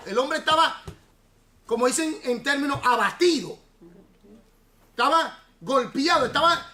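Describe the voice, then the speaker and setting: A man leads a Bible class as pastor, speaking in a bright, sharp voice that sits high for a male. His lengthy explanations are broken by questions to the students, and the sound echoes through the church room.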